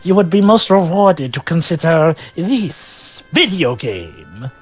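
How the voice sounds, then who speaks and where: A man playing a sly, mysterious merchant pitching his wares, in a video game voice-over. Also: sing-song, takes it slowly, husky, soft background music, heavily acted.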